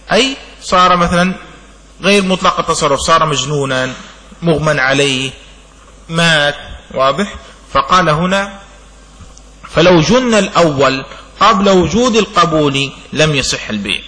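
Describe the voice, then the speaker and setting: A man teaching jurisprudence as a sheikh in a classroom lecture. He reads each line of the text slowly, then explains it with everyday examples and keeps checking that his students follow. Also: fairly high pitch, sharp tone. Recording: long hall reverb.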